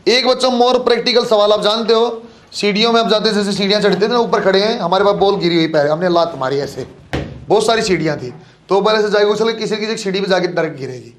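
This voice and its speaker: A man's voice: high-pitched, fast talker, a little hiss or hum. A man teaching physics to exam students, calling them beta and bachhon and asking and answering his own questions. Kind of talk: classroom lecture.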